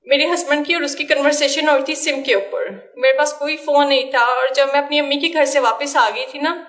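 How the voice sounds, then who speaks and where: A woman, her voice sitting high. She recounts events to an interviewer in a halting way, repeating herself and restarting often. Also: a bit bright.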